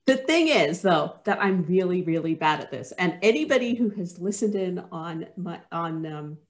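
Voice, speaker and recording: A woman author on a video call, self-deprecating and quick to laugh. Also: fairly low pitch, expressive. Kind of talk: casual interview chat.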